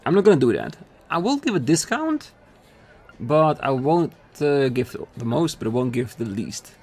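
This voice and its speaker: A man hosting a let's play, reading the dialogue aloud and thinking through choices out loud, often apologetic and laughing. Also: mid-range voice, very animated, moderate pace, slightly rough.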